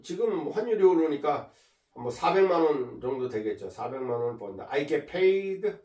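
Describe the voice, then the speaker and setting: Middle-aged male teacher, patient explainer, slow and animated, roomy sound at a distance from the mic. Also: fairly high pitch. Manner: explains patiently, repeats words, slow drawn-out English examples. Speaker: English teacher. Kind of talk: online English lesson.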